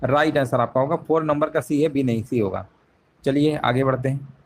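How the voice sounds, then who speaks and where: A man with a mid-range voice teaches a live online exam-prep class at a moderate pace. He explains every answer step by step and often repeats himself with rhetorical questions.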